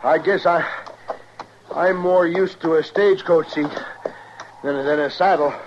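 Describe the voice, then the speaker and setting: An actor playing a nervy, aggrieved American frontiersman in a radio western, halting and folksy in his talk. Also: a little high, fairly even intonation, close to an everyday voice. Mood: shaken. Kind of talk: old-time radio western acting. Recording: noisy, muffled old radio recording.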